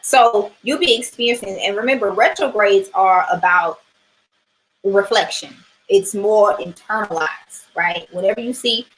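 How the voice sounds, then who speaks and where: A woman's voice: mid-range voice, slight background noise, rough recording. A woman talking through a weekly astrology reading in a casual livestream, chatty and loose, swearing now and then and asking "right?" a lot. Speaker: tarot and astrology reader.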